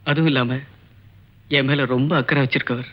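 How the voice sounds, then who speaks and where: A man's voice: mid-range voice, steady tone, fairly quick, lightly acted. An actor playing a dignified young college student who pleads his innocence in earnest, respectful speech. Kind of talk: 1980s film acting. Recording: dull old film soundtrack with music.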